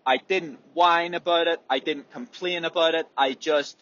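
A man with a husky, swollen-sounding sore throat, talking in a rambling, reflective, hesitant way on a casual solo podcast. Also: fairly high pitch, steady tone, normal speed, fairly bright tone, lo-fi sound. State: sore, swollen throat, often needing clearing. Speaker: podcast host and athlete.

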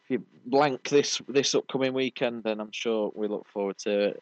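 A man's voice: mid-range voice, moderate pace, a little mellow, no echo. A British man hosting a sports podcast, chatting casually and explaining things in a matey, rambling way. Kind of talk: casual sports review chat. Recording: dull lo-fi audio.

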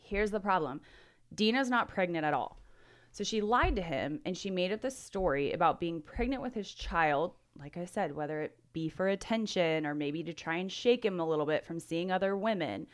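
A woman's voice: lowish voice, lively intonation, moderate pace. A woman co-hosting a true-crime podcast, telling the case in casual chat and laughing often. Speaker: podcast co-host.

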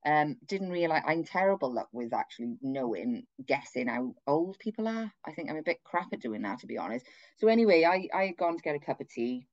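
A woman with a low voice talks bluntly and casually, rambling through a story with asides and fillers. The sound is dry and a little dull. It feels like an everyday, unpolished recording. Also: big pitch swings, fairly quick, darkish tone, dry recording. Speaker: activist describing a street protest.

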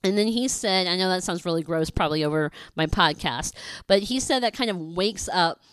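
A woman's voice: on the low side, brisk, a bit bright, clear, resonant tone, no room sound. A woman hosting a podcast, chatting casually and telling stories with frequent ums. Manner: chatty, storytelling, many ums. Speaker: podcast host.

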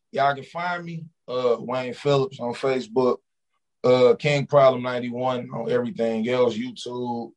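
A man's voice: medium pitch, poor audio. Blunt man chatting in slang. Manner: blunt, swears casually. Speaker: podcast guest. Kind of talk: casual slangy opinionated chat.

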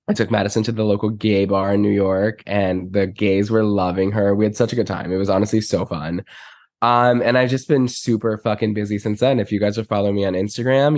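Congested, gushing man with lower voice. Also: dry recording, studio quality. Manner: gushing, slangy, emphatic. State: sick, congested stuffy nose. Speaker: podcast guest, celebrity stylist. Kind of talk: casual chat.

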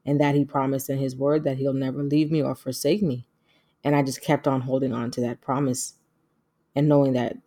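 A woman's voice: rumbling low, warm tone. A middle-aged woman speaking casually and earnestly as she hosts a personal podcast, with a reflective, devout manner. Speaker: podcast host.

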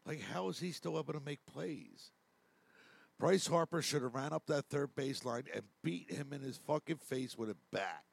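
A man's voice: medium pitch, animated, moderate pace, vocal fry, no echo. A man co-hosting a sports talk show, trash-talking in heated, crude banter. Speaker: podcast co-host.

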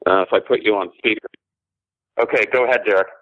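A man with a lowish voice comes through a tinny, narrow phone line. His sound is dry and close, with no room around it. He talks in an easygoing, offhand way. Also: fast talker, no echo. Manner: breaks off to answer a landline, easygoing. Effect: heard over a phone line. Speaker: podcast guest. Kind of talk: casual chat.

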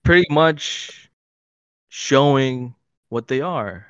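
A man's voice: mid-range voice, expressive, extremely slow, fairly bright tone, clean tone, no room sound, lo-fi sound. Joking man in casual podcast banter. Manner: joking, puts on silly accent voices. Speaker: podcast co-host. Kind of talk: casual chat.

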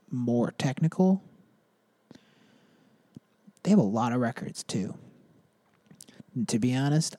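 A young man talks casually about music, rambling through his thoughts with many fillers and self-corrections. His voice is mellow and relaxed. The recording is dry and close. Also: medium pitch, no room sound. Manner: rambling, filler-heavy, laughs at himself. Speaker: podcast host.

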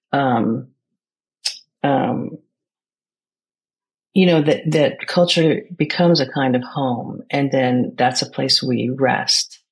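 Husky-voiced American woman, thoughtful guest. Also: rumbling low, low-quality recording. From United States. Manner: thoughtful, searching for words, many restarts. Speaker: guest, poet and playwright. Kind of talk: reflective conversation.

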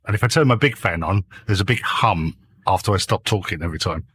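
Man, podcast guest, husky, low, jokey storyteller. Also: quick pace, dry recording. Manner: jokey, animated storyteller who laughs often. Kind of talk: casual chat. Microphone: desk mic with noise cancelling.

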